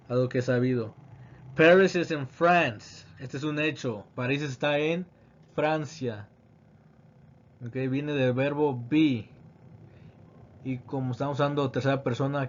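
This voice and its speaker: A man teaching English grammar, reading example sentences slowly and then translating them. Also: mid-range voice, lo-fi sound, slight background noise. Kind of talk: grammar lesson explaining examples.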